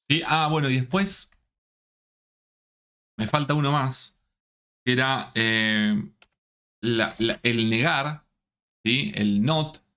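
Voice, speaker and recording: A man's voice: mid-range voice, fairly bright tone. A man teaching a live online programming class, checking in with the students at nearly every step. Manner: slow, checks in often with the students.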